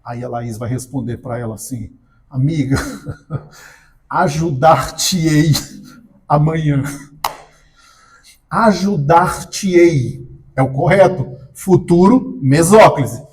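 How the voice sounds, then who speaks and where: A Brazilian man teaching an exam-prep grammar lesson, jokey, asking the class questions and answering them himself, spelling out example words slowly and loudly. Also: mid-range voice, lively intonation.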